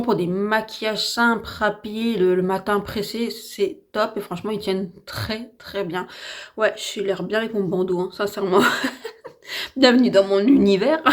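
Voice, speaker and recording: A slightly hoarse woman with a French accent chatting casually and enthusiastically through a makeup tutorial at home, with lots of fillers. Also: mid-range voice. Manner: chatty, enthusiastic, repeats herself with many fillers. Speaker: beauty vlogger. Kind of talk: casual get-ready-with-me makeup chat.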